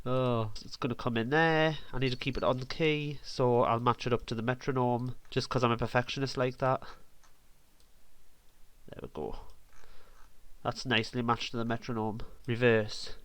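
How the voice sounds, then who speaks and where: A man's voice: medium pitch, steady tone, moderate pace, a bit bright, smooth, no echo. A man vlogging while he edits a track, rambling playfully and mouthing out beat sounds as he goes. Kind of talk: casual commentary while editing music.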